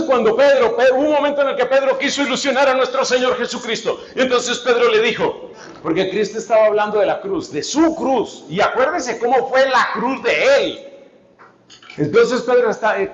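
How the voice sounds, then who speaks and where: An animated, humorous man preaching with a fairly high voice and firm emphasis. He is recorded live in an echoey hall, the sound a little dull, with an audience around him. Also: moderate pace. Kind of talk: sermon.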